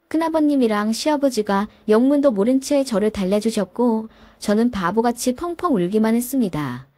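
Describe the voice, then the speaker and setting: High-voiced woman telling a story. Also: warm tone, no echo. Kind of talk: first-person story narration.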